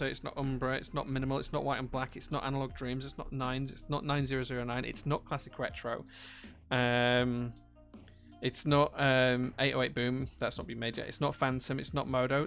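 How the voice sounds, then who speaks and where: Gravelly man chatting on a live stream. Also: mid-range voice, a bit bright. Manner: chatty, reads chat aloud and thanks viewers. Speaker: livestream host building keyboards. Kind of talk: casual live-stream chat.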